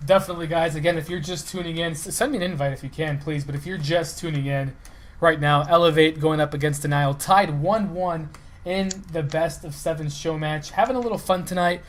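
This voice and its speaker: A man's voice: fairly high pitch, fairly even intonation, a little fast. A man hosting a gaming stream, casually chatting and making friendly, upbeat appeals to viewers to share the stream. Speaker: stream host.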